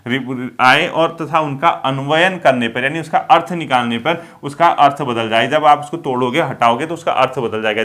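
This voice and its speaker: A man teaching an exam-prep grammar lesson, explaining step by step, asking and answering his own questions, and slowing down to read example verses. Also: medium pitch, bright, forceful tone. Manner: drawn-out, slowed reading of example verses.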